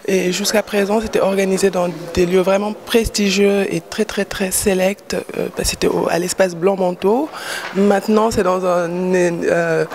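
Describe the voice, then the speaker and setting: A woman's voice: medium pitch, steady tone, unhurried, darkish tone, a little hiss or hum. A young woman from Paris, a fashion model, answering interview questions in a hesitant way, with many fillers and repeated words. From Paris, France. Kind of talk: casual interview.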